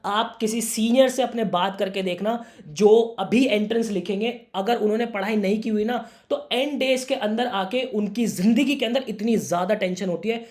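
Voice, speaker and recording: Speaking at a moderate pace in a high-pitched voice, a career guidance YouTuber addresses students straight to camera with earnest advice. A sore throat makes him a little hoarse, yet he stays warm and brotherly, as though speaking to a younger sibling.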